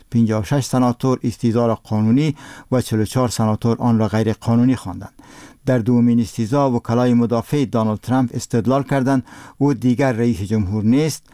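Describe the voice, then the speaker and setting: A man with an Afghan accent reads the radio news from a script. His delivery is solemn and formal, in a dark, relaxed mid-range voice. The sound is very dry, with no room echo. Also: medium pitch. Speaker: radio newsreader.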